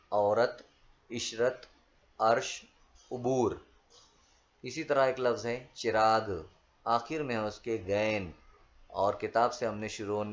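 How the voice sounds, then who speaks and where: A man teaching a school lesson, reading out word lists one word at a time in a slow, measured way. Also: lowish voice. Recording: dull lo-fi recording.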